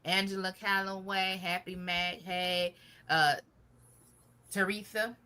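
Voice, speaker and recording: A woman's voice: medium pitch, flat delivery, slow pace, smooth. Chatty woman greeting a live chat. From Michigan. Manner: chatty, warm greetings with Southern-style "y'all". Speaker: co-host of a live gardening chat. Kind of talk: casual live-stream chat.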